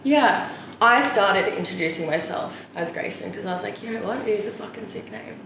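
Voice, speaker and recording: A woman's voice: mid-range voice, a little fast, vocal fry. Dry sweary aussie woman on a podcast, super echoey room, bit of hiss. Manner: blunt, sweary, dry humor. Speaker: podcast co-host. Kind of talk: casual chat.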